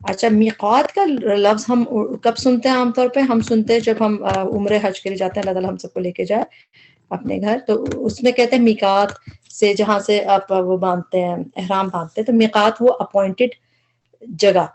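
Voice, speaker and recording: A woman's voice: medium pitch, fairly even intonation, darkish tone, a little hiss or hum. A woman teaching a Quranic vocabulary lesson, explaining each word patiently and step by step, with English terms mixed into her speech.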